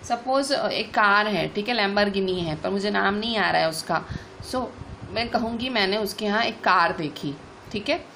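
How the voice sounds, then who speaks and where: A woman teaching an online grammar class, explaining slowly, restating points and checking in with "okay" after each one. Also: medium pitch, vocal fry, sharp tone, slight background noise.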